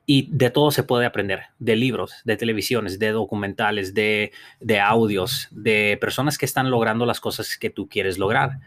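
A podcast host delivers an earnest, encouraging motivational talk in a language that isn't his native one, frequently restarting and rephrasing his points. His voice sits on the low side with a fairly bright tone, and he speaks at a normal speed.

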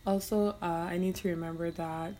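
A woman's voice: lowish voice, steady tone, moderate pace, mellow, slight background noise. A young woman from Barbados with a Bajan accent, hosting her solo podcast in loose, profane, laughing casual chat. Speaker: podcast host.

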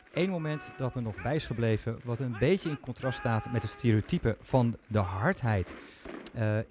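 A man's voice: mid-range voice, a little mellow, a little hiss or hum. A man hosting a podcast, talking chattily with self-mocking humor into a microphone. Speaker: podcast host. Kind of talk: casual podcast talk.

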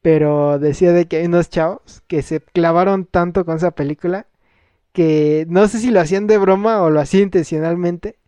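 A man with a Mexican Spanish accent in casual chat, telling stories in a relaxed, slangy way. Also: high-pitched, normal speed, clean tone, no echo.

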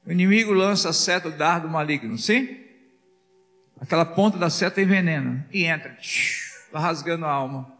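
A man's voice: a little high, moderate pace, fairly bright tone, in a large hall. A man preaching as a pastor, asking the congregation rhetorical questions and acting out little dialogues. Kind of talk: sermon.

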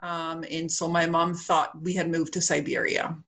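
Chatty Peruvian-born woman with low voice. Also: little pitch movement, moderate pace, a bit bright. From Peru. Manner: chatty, many fillers. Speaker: guest, centre co-owner. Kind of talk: casual interview talk.

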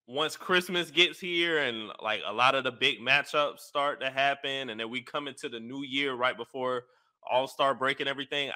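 Male co-host, very bright and piercing tone, blunt and opinionated. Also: medium pitch. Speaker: sports podcast co-host. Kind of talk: casual basketball chat.

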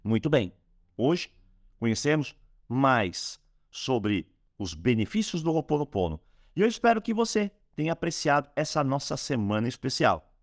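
A man's voice: mid-range voice, no room sound. Guy teaching a meditation thing, voice goes up and down a lot, dry close sound. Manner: lively, rising and falling delivery, slowing on mantras. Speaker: host teaching a spiritual technique. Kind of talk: calm instructional talk.

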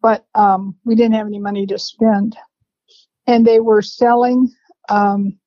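A woman in her seventies telling family memories in a rambling, unhurried way with laughs between stories. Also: mid-range voice, little pitch movement, no room sound. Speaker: interviewee, family matriarch. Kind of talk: reminiscing conversation. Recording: dry, slightly dull lo-fi sound.

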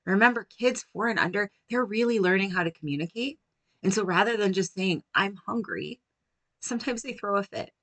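A woman, likely in her thirties, giving a gentle, measured talk that teaches parents how to calm young children. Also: mid-range voice, dry recording.

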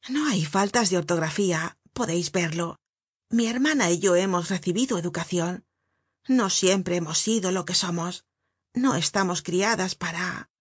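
A ragged young girl with a hoarse, guttural voice, as a woman reading a storybook puts her on, brash and boastful with a shy streak beneath. The voice sits low and close, with no room sound around it. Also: moderate pace, no room sound. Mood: proud. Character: poor, bold yet ashamed young woman.

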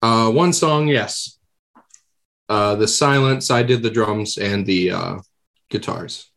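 A man's voice: lowish voice, takes it slowly, vocal fry, fairly bright tone. A man in a band, a podcast guest, joking about his riffs and swearing freely in casual chat. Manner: jokey, crude, swears freely.

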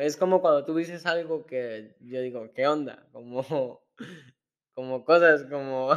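Man, casual chat, filler-heavy, bright tone. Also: medium pitch, clean tone. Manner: chatty, many fillers like "este", laughs often.

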